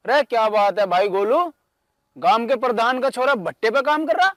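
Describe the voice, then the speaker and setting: एक आदमी जो ताने मारने वाले घमंडी गाँव के नौजवान का किरदार निभा रहा है, हरियाणवी लहजे में चिढ़ाते हुए बोलता है।. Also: male voice, extremely high pitch, normal speed, fairly bright tone, no echo, studio quality. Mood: mocking. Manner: teasing, jeering. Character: young village man, mocking and smug. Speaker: mocking villager.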